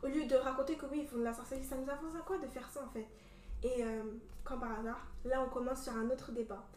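A young woman from Cameroon telling a story in casual chat, animated and full of fillers. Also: high voice, quick pace. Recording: echoey room from a distance.

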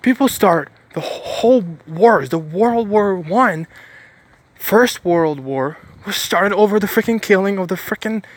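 Emphatic man with a higher voice. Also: animated, unhurried, dry recording. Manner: emphatic, repeats phrases for stress; rambling with frequent restarts. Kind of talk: preachy motivational monologue.

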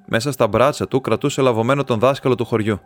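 A man reading a classic short story aloud in a calm storytelling voice. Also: mid-range voice, no room sound, faint music behind. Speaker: audiobook reader.

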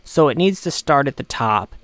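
A man's voice: medium pitch, expressive, normal speed, a bit bright, dry recording. A man co-hosting a casual talk podcast, giving blunt opinions and sarcastic quips. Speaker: podcast co-host. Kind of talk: casual chat.

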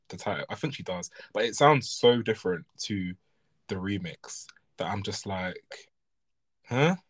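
A man's voice: lowish voice, a bit bright. A man co-hosting a podcast in casual chat, rambling and correcting himself with frequent chuckles. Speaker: podcast co-host.

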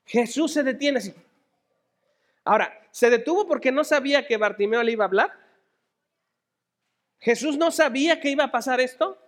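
A Mexican man preaching a sermon as a pastor, dramatic, moving between shouted appeals and hushed tones. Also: extremely high pitch, lively intonation, normal speed, long pauses.

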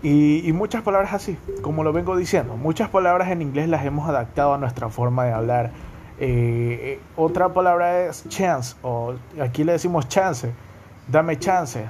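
A man's voice: on the high side, moderate pace, darkish tone, slight background noise. Chatty young man, Guayaquil accent. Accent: Guayaquil coastal Ecuadorian. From Guayaquil, Ecuador. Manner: chatty, repeats ¿me entienden?. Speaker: podcast host. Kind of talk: casual podcast monologue.

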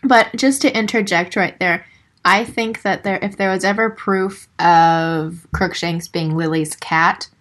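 A woman's voice: fairly low pitch, a little slow, a bit bright. A woman co-hosting a casual book podcast, reading narration aloud and cracking wry, profane asides. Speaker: podcast co-host.

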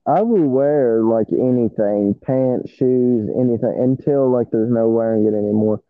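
A man's voice: medium pitch, a little slow. A man with a mid-range voice chats in a laid-back, rambling way, full of fillers. He calls in from a small metal shed, and his voice comes through muffled and tinny over a bad connection. The sound is dry, with no room echo. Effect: muffled, tinny call over a bad connection. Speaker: podcast co-host. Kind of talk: casual chat. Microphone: phone or internet call. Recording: narrow phone-like line, dry.

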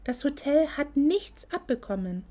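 Woman voicing a gentle, reassuring young woman. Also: high voice, very animated, measured pace, pitched above the performer's own voice. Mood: concerned. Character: caring young woman comforting a friend.

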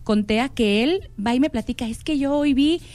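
Mexican woman, slightly high voice, earnest casual talk, repeats words. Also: normal speed, darkish tone. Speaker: podcast co-host. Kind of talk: casual panel chat.

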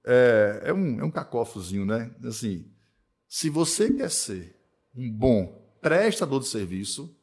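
A man's voice: mid-range voice, very animated, measured pace, a little mellow, slightly rough. Emphatic man. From Northeast Brazil. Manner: emphatic, repeats himself, tag questions "tá?" and "né?". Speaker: accounting firm owner, podcast guest. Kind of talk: casual podcast conversation.

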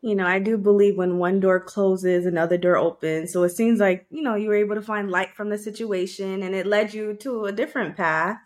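A woman hosting a podcast, asking her guest questions in a gentle, encouraging way. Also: medium pitch, fairly even intonation, fairly quick, few pauses. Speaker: podcast host. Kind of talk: interview questions.

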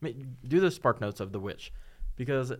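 A man's voice: mid-range voice, animated, moderate pace, a little mellow. A young man co-hosting a casual podcast, rambling and scattering fillers through his sentences. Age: young adult. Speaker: podcast co-host. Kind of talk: casual chat.

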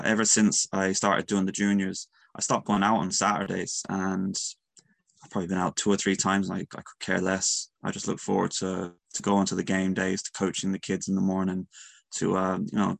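A man from County Mayo with a west of Ireland accent, giving casual interview answers in an earnest, halting way that repeats words. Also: low voice, monotone, creaky, fairly bright tone, no echo. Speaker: youth sports coach and player.

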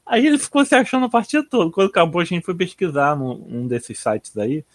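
A man's voice: sits high, expressive, fairly quick, no room sound. A young Brazilian man with a Brazilian Portuguese accent, chatting casually on a gaming podcast and telling stories with a laid-back manner and frequent laughs. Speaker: podcast co-host.

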